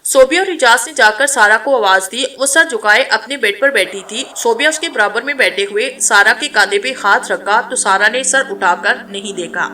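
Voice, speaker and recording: A woman narrating a horror story in a steady, dramatic storytelling manner. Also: fairly high pitch, normal speed, few pauses, a little hiss or hum.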